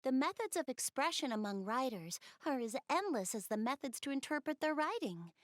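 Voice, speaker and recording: Brisk and sing-song, a woman's high voice plays a bashful young goddess who loves books in an English dub of a visual novel game. She is polite, earnest and enthusiastic, hesitating as she rambles on about her hobbies, recorded in a clean studio with no echo.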